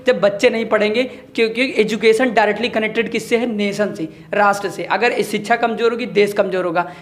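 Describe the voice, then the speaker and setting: A man who is a teacher speaking passionately in a discussion, making a moral appeal to his listeners. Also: sits high. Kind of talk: opinion discussion.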